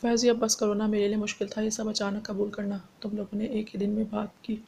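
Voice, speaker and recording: A woman's voice: medium pitch, completely flat delivery, fast, vocal fry, mellow, breathy edge. A woman reading the lines of an emotional young woman who pleads and scolds through tears, in an audiobook. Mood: pleading.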